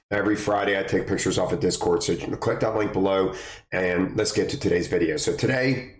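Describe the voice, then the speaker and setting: Slightly raspy man in a roomy space. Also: lowish voice. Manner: chatty, keeps addressing viewers as guys. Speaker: warehouse order-picking instructor and channel host. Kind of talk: casual how-to vlog. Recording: roomy echo.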